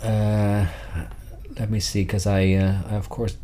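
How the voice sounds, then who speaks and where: Low, mellow-voiced rambling podcast host. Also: male voice, flat delivery, unhurried, slight background noise. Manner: rambling, self-deprecating. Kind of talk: casual podcast interview.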